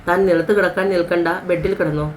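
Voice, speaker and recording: A woman voicing a caring young husband who gently reassures his new wife in a story. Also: fairly low pitch, steady tone, fast talker, slight background noise, natural voice. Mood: gentle.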